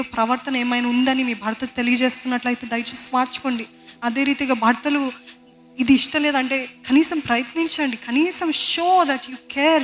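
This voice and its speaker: A woman's voice: sits high, fairly bright tone. A woman preacher giving an earnest, pleading sermon, acting out prayers and slipping into English.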